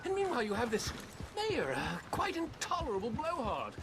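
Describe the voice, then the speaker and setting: High-voiced, haughty city lady. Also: wildly swooping pitch, moderate pace, noisy background. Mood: disdainful. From New York City. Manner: theatrical, genteel, wordy. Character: stranded, haughty, chatty city lady in the Old West. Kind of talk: video game period drama acting.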